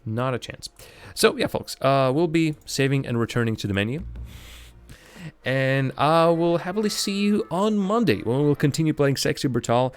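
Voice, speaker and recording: A man giving casual, halting game commentary, thinking aloud and poking fun at himself, and speaking as a language. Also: on the high side, lively intonation, smooth. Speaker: host of a game playthrough stream. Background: game music.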